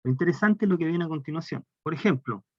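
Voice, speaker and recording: Man, Chilean Spanish accent, lecturing, higher voice, dry dull recording. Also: animated, fast talker, dry recording. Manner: explains step by step, asks rhetorical questions. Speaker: math lecturer.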